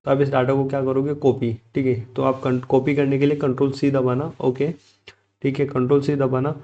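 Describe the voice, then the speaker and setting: Mellow-voiced man teaching spreadsheet steps. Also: mid-range voice, level tone, fairly quick, dull audio. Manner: steps through clicks, repeating "theek hai" and posing students' questions himself. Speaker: computer tutor. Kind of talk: screen-recorded software tutorial.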